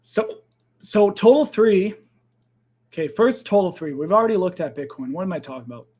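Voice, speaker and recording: Male streamer, high-pitched, relaxed and chatty, talking through his trades for viewers. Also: moderate pace. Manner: chatty, loose, addresses viewers as guys and fam. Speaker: crypto livestream host. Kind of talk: casual live trading stream chat.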